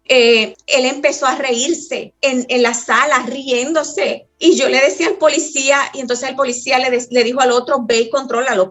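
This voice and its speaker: A woman's voice: fairly high pitch, a bit bright. A woman giving an emotional personal testimony in an interview, talking earnestly and often turning to the interviewer by name. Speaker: interview guest sharing a personal story.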